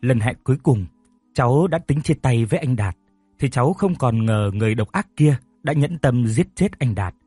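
A tearful young woman weighed down by guilt, confessing in a choked, apologetic voice, as a man reads her part. The tone is mellow and breathy, close and dry. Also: medium pitch, expressive, normal speed, no room sound, soft background music. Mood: remorseful.

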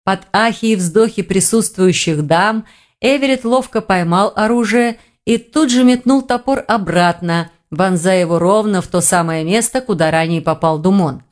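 A woman's voice: mid-range voice, normal speed. Woman narrating an audiobook. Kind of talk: scripted narration.

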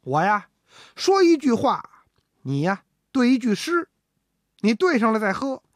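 A woman voicing a shrewd, teasing old Qing emperor who speaks in mock-stern, drawn-out commands. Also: fairly high pitch, sing-song, no echo, studio quality, pitched above the performer's own voice.

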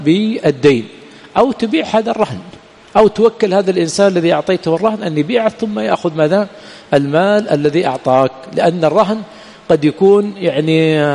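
A man's voice: fairly high pitch, creaky, a little mellow. A man teaching religious law as a sheikh, who keeps putting rhetorical questions to his students and answering them himself. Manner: keeps asking "what?" and filling in the answer himself. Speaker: sheikh teaching Islamic jurisprudence. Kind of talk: lecture with call-and-response questions. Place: teaching center hall. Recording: long hall reverb.

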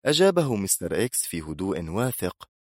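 A male narrator reads a thriller with dramatic expression. His voice is very deep and swings widely in pitch, with a dry, close recording. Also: big pitch swings, brisk, a little mellow, no echo. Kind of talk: scripted audiobook narration.

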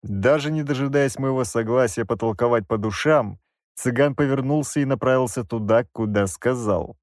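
A man narrating a first-person audiobook in a wry, expressive reading. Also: medium pitch, normal speed, dry recording, clean studio sound.

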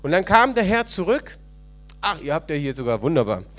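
At a church service, a pastor preaches a sermon, retelling a parable with lively storytelling and putting questions to the congregation. His voice sits on the high side and moves fairly quickly.

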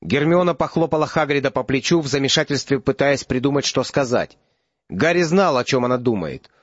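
A man narrating an audiobook, steady and even. His voice sits mid-range. The sound is dry and close, a little dull and lo-fi. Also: mid-range voice, fairly quick, no echo. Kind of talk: scripted narration.

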